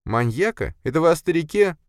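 A man voicing a young female investigator who keeps calm and argues back. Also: fairly high pitch, a little fast, no room sound, clean studio sound, pitched above the performer's own voice, lightly acted. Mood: calm, indignant. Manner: calm, controlled, indignant.

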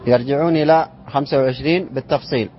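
A man teaching an Islamic inheritance lesson to students, reciting verse lines slowly and then explaining them and quizzing the class. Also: mid-range voice, a little hiss or hum. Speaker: sheikh teaching inheritance law. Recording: dull lo-fi classroom recording.

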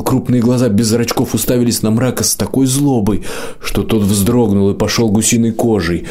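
Brief: male audiobook narrator, lower voice, steady scripted fantasy storytelling.

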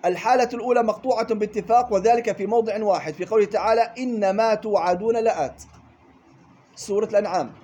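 In a classroom lesson on the rules of Quran recitation, a male tajweed teacher explains things step by step, repeating key points and checking in with his students. His high voice races along with a dark, slightly rough tone.

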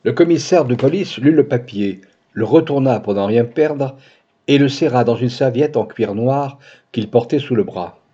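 A man narrating a classic novel as an audiobook, reading in a measured, expressive way. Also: mid-range voice, slightly rough. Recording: dull lo-fi recording.

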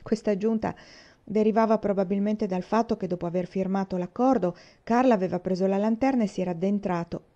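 A woman reading a novel aloud in a calm, measured way. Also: mid-range voice, muffled recording. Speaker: audiobook reader.

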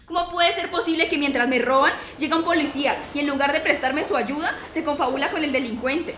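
A woman voicing an outraged robbery victim in an amateur audio story, protesting fast in a high, bright voice. The room adds a clear echo. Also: slight background noise. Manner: indignant, rapid protests.

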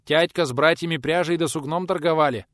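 A sullen, cheeky peasant boy gives curt, blunt answers, as a man voices him. His pitch sits a little above the narrator's own, in a dry, close reading. It is an audiobook. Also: fairly quick, a bit bright, dry recording, natural voice.

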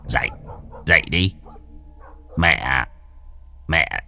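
A man's voice: very deep voice, big pitch swings, drawn-out words, creaky, bright, forceful tone, soft background music, pitched below the performer's own voice, full character voice. A man voicing a frightened older village man who stammers and pleads. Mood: tense.

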